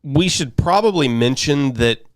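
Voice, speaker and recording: A man's voice: a little high, animated, unhurried, clear, resonant tone, no echo. A man from Arkansas co-hosting a podcast, easygoing in casual chat with a dry sense of humor. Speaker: podcast co-host.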